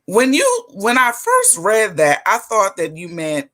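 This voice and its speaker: A woman hosts a live interview in a bright, forceful voice that carries. She talks with emphasis and a lively push, dropping churchy phrases into casual chat. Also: mid-range voice, a little slow. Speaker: host.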